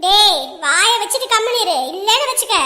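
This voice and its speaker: Woman doing a shrill scheming young woman. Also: a little fast, pushed and bright. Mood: quarrelsome. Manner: taunting, sarcastic, quarrelsome. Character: sharp-tongued scheming young woman, quarrelsome and mocking. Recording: echoey room, faint noise.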